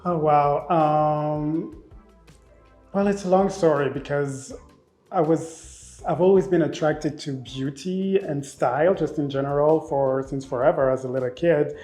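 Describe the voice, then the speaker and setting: Expressive man with a mellow voice. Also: on the high side, a little slow, soft background music. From Rwanda, raised in Belgium. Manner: expressive, repeats words while thinking, laughs easily. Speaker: makeup artist guest. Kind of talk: casual interview.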